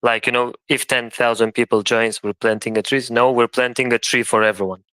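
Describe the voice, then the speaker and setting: A man's voice: mid-range voice, fairly even intonation, a little fast, pushed and bright, clear, resonant tone, no room sound, rough recording. A man, a guest on a casual live audio chat, explaining his project eagerly. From Romania. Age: 30s.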